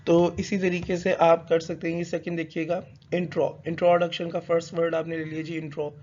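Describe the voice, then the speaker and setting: Male teacher, slightly high voice, hesitant explainer, dull lo-fi recording. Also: completely flat delivery, a little mellow, slight background noise. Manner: reads English slowly, then explains in conversational Hindi mixed with English; hesitant, with fillers and self-corrections. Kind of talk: explanatory lecture.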